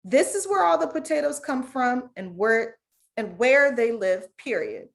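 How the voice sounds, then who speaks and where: A woman's voice: on the high side, very animated, measured pace, vocal fry, pitched above the performer's own voice, exaggerated voice. A woman reading aloud the lines of a furious girl in a storybook, speaking emphatically. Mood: fuming. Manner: indignant, emphatic.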